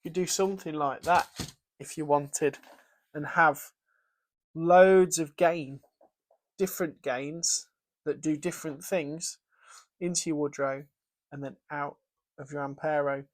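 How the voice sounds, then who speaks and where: A man's voice: fairly high pitch, fairly even intonation, a little slow, pauses often. A British man casually walking through his guitar pedalboard setup, thinking aloud with fillers and restarts. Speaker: guitar gear presenter. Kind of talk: casual gear demo.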